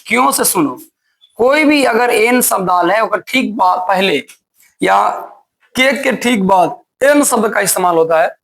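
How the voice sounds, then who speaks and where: A man's voice: sits high, a bit bright. Male teacher, classroom grammar lesson, drills students with questions and answers them himself.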